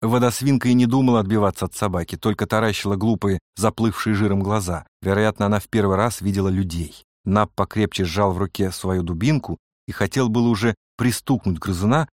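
A man reads a storybook aloud in an even, measured narrating voice. His pitch is on the low side, and the sound is close and dry, with almost no room echo. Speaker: audiobook narrator. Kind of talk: scripted narration.

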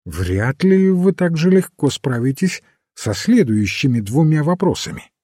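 A man's voice: a little high, sing-song, a little slow, warm tone, husky, no echo, studio quality, voice pushed up, full character voice. A man voicing an irritable, strictly logical doctor who argues insistently and loses patience. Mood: exasperated. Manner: exasperated, insistent. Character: irritable, logical male doctor, impatient scholar.

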